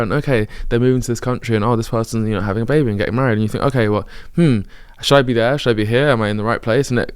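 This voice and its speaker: Talking briskly to camera, a British man of thirty reflects on personal matters in a candid ramble, often correcting himself along the way. His voice is a little low, smooth, and clear. The sound is close-miked and dry, with no sense of the room.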